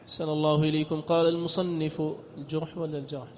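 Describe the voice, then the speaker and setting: A male student reads a classical text aloud in a formal recitation that partly drifts into chant. His slightly high voice barely shifts in pitch and races along very fast. The hall is echoey, with noise in the background.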